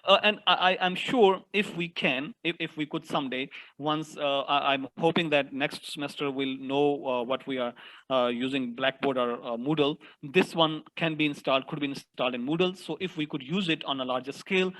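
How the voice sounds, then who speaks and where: Fairly high-voiced male presenter. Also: normal speed, a bit bright, poor audio. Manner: eager, restarting technical explanation. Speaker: workshop presenter. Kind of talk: answering technical questions.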